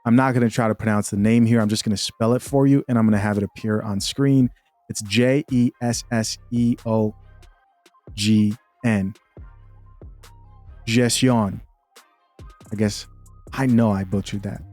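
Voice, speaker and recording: Low-voiced man hosting a reaction video. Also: measured pace, pauses often, no room sound, faint music behind. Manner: relaxed, talks straight to viewers. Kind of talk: casual commentary over clips.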